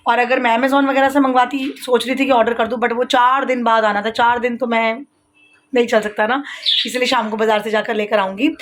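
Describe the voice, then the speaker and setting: A woman in her thirties films a daily vlog at home, holding her phone as she cooks and works around the kitchen and other rooms. She chats casually, slipping English words into her speech, in a fairly quick, level, higher-pitched voice, raising it over a barking dog.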